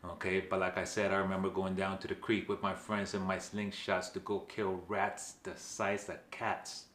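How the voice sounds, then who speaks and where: Deep voiced guy from venezuela, slow and emphatic, lots of "okay", roomy echo. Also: completely flat delivery, a bit bright, slight background noise. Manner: emphatic, repeats "okay" and rhetorical questions. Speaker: vlog host. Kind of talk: direct-to-camera commentary.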